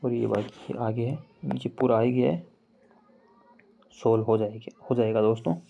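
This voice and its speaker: Gravelly-voiced man teaching grammar. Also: medium pitch, fairly even intonation, dark tone, lo-fi sound. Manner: explains slowly, repeats examples, calls viewers friends. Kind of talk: casual screen-share lesson.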